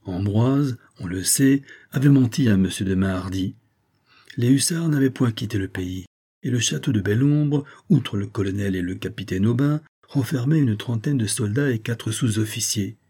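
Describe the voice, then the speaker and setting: Man narrating a classic novel as an audiobook, dark, husky voice, steady and measured. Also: lowish voice.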